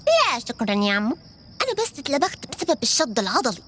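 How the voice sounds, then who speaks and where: A flustered little cartoon girl, played by a woman, who apologizes a lot. Her voice is very high and lively, and she talks quickly. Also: husky, full character voice. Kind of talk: children's audio drama.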